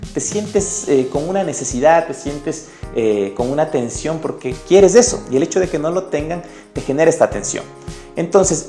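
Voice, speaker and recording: This sales book summary comes from a man with a fairly high, warm voice who talks right to the viewer. The lesson is upbeat, emotive and animated, and the room is echoey with faint music in the background.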